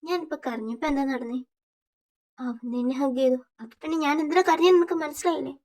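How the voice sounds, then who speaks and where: A woman's voice: sits high, fast talker, a little mellow. A woman voicing a heartbroken young man who cries and stammers through his words. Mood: sulky. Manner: pleading, broken, stammering. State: crying. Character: heartbroken young man sobbing over a friend.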